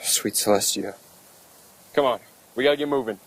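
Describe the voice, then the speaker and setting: A man voicing a big, steady country stallion with folksy phrasing in an audio drama. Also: mid-range voice, normal speed, breathy edge, rough recording. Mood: grave, concerned.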